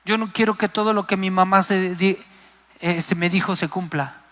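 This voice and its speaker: A man voicing a young person who refuses to marry, in a quiet, resigned tone. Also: high-pitched, fairly even intonation, moderate pace. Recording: long hall reverb.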